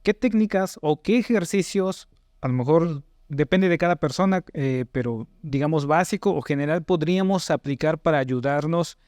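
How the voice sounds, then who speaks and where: A man's voice: a little high, moderate pace, darkish tone, no room sound, studio quality. A man hosting a podcast, asking an expert careful, hedged questions. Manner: thoughtful, hedging questions. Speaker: podcast host.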